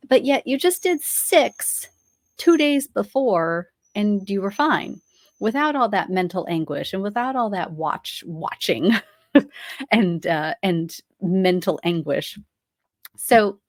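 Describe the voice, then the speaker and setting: A woman's voice: mid-range voice, no room sound. Chatty woman podcast host, dry sound. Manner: chatty, many ums and restarts, light laughs. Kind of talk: casual solo podcast explainer.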